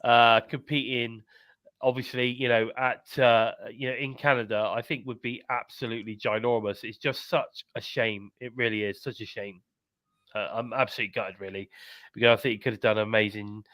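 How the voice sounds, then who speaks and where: A congested, bunged-up British podcast host from the United Kingdom runs a live wrestling show in a chatty, upbeat style, repeatedly urging listeners to subscribe. His mid-range voice is fairly bright, with fairly even intonation and a moderate pace, and there's no room sound.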